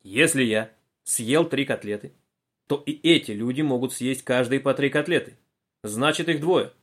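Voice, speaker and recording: A man voicing Kolobok, a bun-shaped male detective in a storybook, musing slowly over his deductions. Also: medium pitch, lightly acted.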